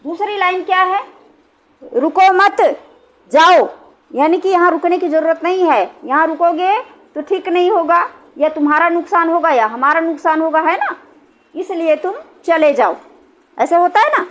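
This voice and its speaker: A woman with a high, light voice teaches a grammar lesson. She talks patiently, repeats her points and keeps checking that her listeners follow. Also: lively intonation, brisk, a bit bright. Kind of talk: explaining a Hindi grammar lesson.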